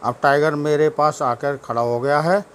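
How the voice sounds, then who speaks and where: A man's voice: on the high side, steady tone, moderate pace, slight background noise. A man chatting casually at home, narrating his pet dog's antics and talking fondly to the dog.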